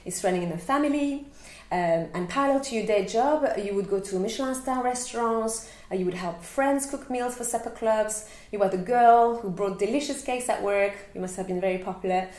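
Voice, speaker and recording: A woman's voice: mid-range voice, a little fast, darkish tone. A woman podcast host with a mixed French and South African accent, reading a playful scripted introduction and asking interview questions. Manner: playful, teasing asides. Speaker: podcast host, yoga teacher.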